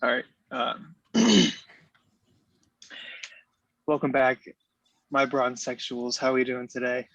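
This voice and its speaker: A man's voice: medium pitch, slow, long pauses, fairly bright tone, no echo, rough recording. A man guest-hosts a podcast in a playful, joking way. He chats casually about the day's topics. His voice sounds dry and close, with no room around it. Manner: jokey and playful. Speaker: guest host of a podcast episode.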